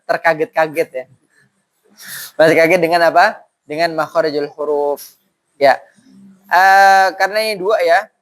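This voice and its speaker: A man teaching Quran recitation in a mosque, modeling syllables slowly and leading students to repeat. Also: fairly high pitch, a bit bright. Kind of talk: tahsin lesson with call-and-response drilling.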